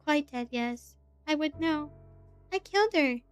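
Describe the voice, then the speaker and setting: A poised, detached witch with a cool and formal manner, read aloud by a woman in a high voice. She speaks in measured, unhurried sentences for a game story, with faint music in the background. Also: no echo. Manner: calm, measured, formal phrasing. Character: tall, composed female witch, cool and detached.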